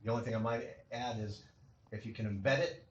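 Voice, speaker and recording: A man's voice: lowish voice, steady tone, slight background noise. Moderator guy giving friendly tips, lots of uhs, muffled and far away in a big room. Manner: friendly, halting with fillers. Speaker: event moderator. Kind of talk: audience feedback. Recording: roomy hall, distant mic, dull sound.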